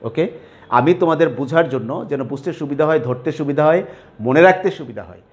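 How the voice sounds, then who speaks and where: A man teaching pronunciation rules to students in a lecture, repeating example words slowly and often checking if they follow. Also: fairly high pitch.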